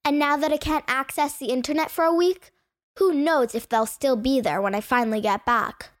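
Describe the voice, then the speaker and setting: A woman's voice: high voice, normal speed, no room sound, studio quality, close to an everyday voice. A woman playing a sulky, dramatic girl who narrates her own audio drama story in an indignant, whiny, exasperated way. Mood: sullen. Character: sulky, dramatic homeschooled girl, phone-obsessed camper.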